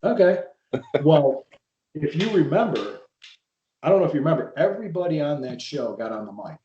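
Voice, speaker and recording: A man's voice: a little high, sing-song, a little fast, warm tone, muffled recording, slight background noise. A man hosting a podcast interview, a former wrestler rambling through old stories with frequent restarts. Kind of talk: casual interview chat. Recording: roomy echo.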